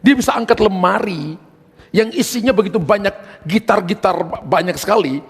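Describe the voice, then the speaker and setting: A man's voice: sits high, animated, moderate pace, breathy edge. A man preaching a sermon as pastor, telling a personal testimony emphatically and addressing the congregation directly. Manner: emphatic storytelling, addressing listeners as brothers. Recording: long hall reverb.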